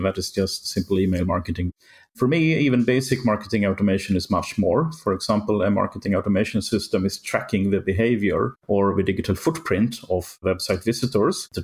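A middle-aged man from Sweden answers interview questions in a measured, explanatory way. His Swedish accent colours his English. His voice sits low. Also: darkish tone. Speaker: guest.

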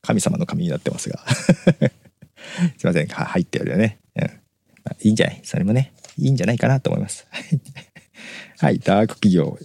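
Guy hosting a chill live show, gravelly low voice, laughs a lot, bounces all over in pitch. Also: expressive, fairly quick, pauses often, a little mellow, no echo, clean studio sound. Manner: chatty, laughs often between remarks. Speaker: host. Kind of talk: casual live-stream chat reading listener messages.

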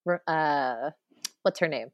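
Animated chatty woman, dry close sound. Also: sits low, no room sound, highs cut off. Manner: animated, ranting, quick asides and laughs. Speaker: podcast co-host. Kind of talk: casual chat.

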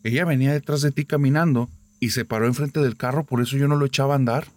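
A man's voice: medium pitch, steady tone, quick pace, a little mellow, no room sound, close to an everyday voice. A man voicing a frightened young man who stammers. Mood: scared. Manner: shaky and stammering. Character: frightened young man, her reckless boyfriend.

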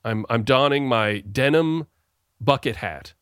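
A man hosts over a video call, his talk rambling and playful, full of restarts and asides. His voice sits at an ordinary middle pitch. The sound is dry and close, with no room in it. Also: measured pace, a bit bright, smooth, dry recording. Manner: rambling, self-correcting, playful. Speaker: podcast host. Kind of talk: casual songwriting chat.

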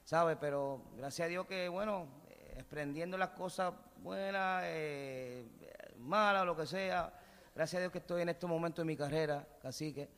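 A man, a singer guesting on a radio show, speaking earnestly and haltingly with many fillers. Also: fairly high pitch, fairly bright tone, clean tone, long reverb tail. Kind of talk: casual radio interview.

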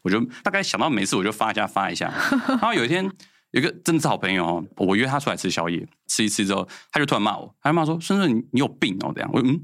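Lively fast-talking Taiwanese man. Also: lowish voice, dry recording, studio quality. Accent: Taiwanese Mandarin. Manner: animated, acts out quoted dialogue. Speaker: guest, insurance salesman. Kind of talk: storytelling in casual chat.

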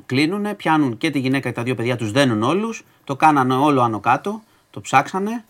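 A man giving a casual rundown of the day's news on a talk show, matter-of-fact, trailing off quietly at the ends of phrases. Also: mid-range voice, sing-song. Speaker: news segment co-host.

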